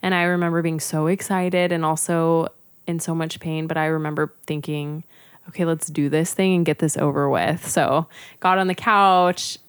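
A woman's voice: deep voice, flat delivery, normal speed, smooth, no echo. A young woman, a podcast guest, telling a personal story casually with lots of "like" fillers. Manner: chatty, frequent "like" fillers.

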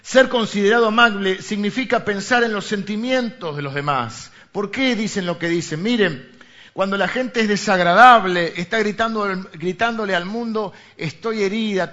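A man's voice: high voice, moderate pace, sharp tone. A man with a Rioplatense Spanish accent, a pastor giving a sermon in a conversational way, full of rhetorical questions. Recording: dull lo-fi recording.

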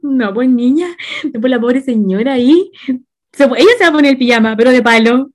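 A woman's voice: high-pitched, lively intonation, moderate pace. A woman with a Chilean accent chatting casually, telling stories in a slangy, laughing way. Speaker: podcast co-host. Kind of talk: casual chat.

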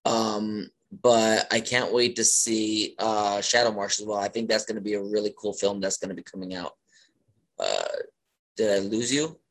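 A man's voice: on the low side, fairly even intonation, normal speed, low-quality recording. A man hosting a casual interview over a video call. He speaks in a friendly, enthusiastic way, often using fillers. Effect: heard over a video call. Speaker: interview host.

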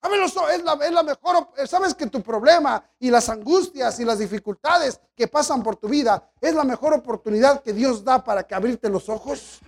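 A male pastor preaching with a very high voice. He retells scripture in lively paraphrase and keeps calling his listeners brothers. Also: moderate pace, few pauses. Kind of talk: sermon.

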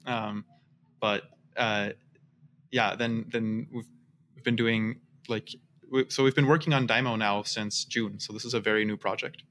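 A man's voice: fairly low pitch, fairly even intonation, unhurried, fairly bright tone, slight background noise. A man in his thirties, from Austria and raised in the US, talking as a guest on a casual podcast interview, rambling with many restarts. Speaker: guest, startup founder.

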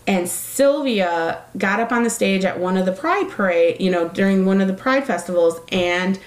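A woman's voice: mid-range voice, moderate pace, roomy sound, rough recording. A woman talking casually, rambling with many fillers and correcting herself as she goes. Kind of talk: casual chat.

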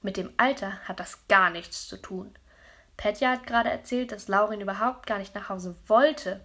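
A woman narrating a children's audiobook as a young girl telling her own story. Her telling is lively and chatty, with a mid-range voice. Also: mid-range voice, normal speed. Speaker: audiobook reader.

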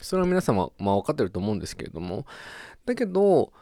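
A man's voice: mid-range voice, fast talker, dry recording, studio quality. A young man from Japan hosting a podcast, chatting casually and playfully with silly sound words. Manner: playful, animated, with goofy sound words and wordplay. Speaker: podcast host. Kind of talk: casual solo podcast talk.

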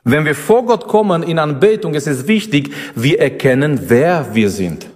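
A man preaching a sermon, emphatic and repetitive, his pitch rising and dropping from line to line. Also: lively intonation, moderate pace, in a large hall.

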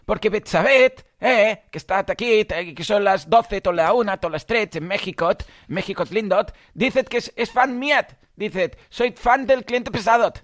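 A man's voice: high voice, moderate pace, hardly any pauses, a bit bright, no room sound, studio quality. A man playing a pushy, boastful annoying client who adds a silly ending to his words. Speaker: podcast co-host.

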